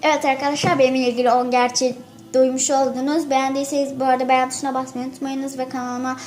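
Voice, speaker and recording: High-voiced woman vlogger, dramatic and animated. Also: racing, reverberant, faint music behind. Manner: animated, acts out examples dramatically; exaggerates for effect, repeats phrases. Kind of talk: casual chat to camera.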